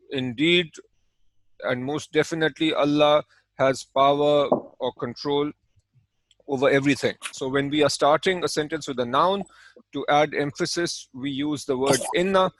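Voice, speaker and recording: Man, Arabic teacher, methodical lesson, slightly high pitch, dry sound. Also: no room sound, low-quality recording. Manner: calm, methodical explaining with Arabic terms. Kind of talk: recorded language lesson.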